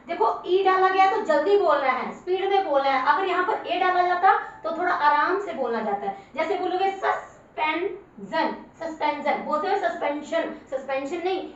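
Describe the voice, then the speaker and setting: A woman with a high, bright voice teaches spelling, sounding out each word slowly and saying it again for the learner. She is caught from a distance in a very echoey room, and the recording sounds dull. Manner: spells words out letter by letter, drawing words out slowly. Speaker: English teacher. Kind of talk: spoken spelling lesson.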